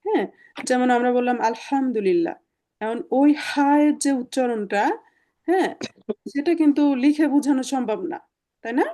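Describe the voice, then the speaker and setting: A woman leads an online language class, explaining slowly with frequent fillers. Her voice sits high but sounds mellow and soft. She is heard through a video call. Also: animated. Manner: patient, explaining step by step with many fillers. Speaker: German language teacher.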